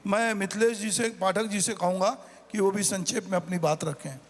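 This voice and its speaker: Man, high voice, editor hosting a literary session, courteous, reverberant hall. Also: fairly even intonation, fairly quick. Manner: courteous, thanks speakers and recites poetry. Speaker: newspaper editor and host.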